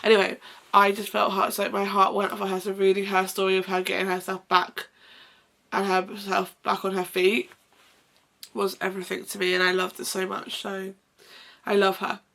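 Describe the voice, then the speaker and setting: A young woman talks casually about favourite books with a blocked-up, nasal sound. Her voice has a gravelly, creaky edge. She rambles and corrects herself, gushing as she goes. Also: mid-range voice, completely flat delivery, moderate pace, a bit bright. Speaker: book vlogger. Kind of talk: casual chat.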